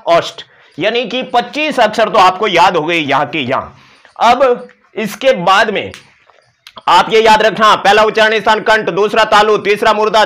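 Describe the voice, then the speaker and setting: A man's voice: high voice, fairly bright tone. A male teacher giving an exam-prep lecture, explaining and demonstrating sounds with playful asides to his students. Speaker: Sanskrit teacher.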